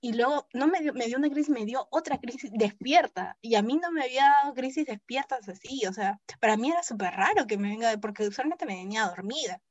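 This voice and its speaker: A young adult woman telling a personal story as an interview guest, acting out the quoted dialogue in a lively way. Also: fairly high pitch, fairly quick, few pauses, dry recording, lo-fi sound.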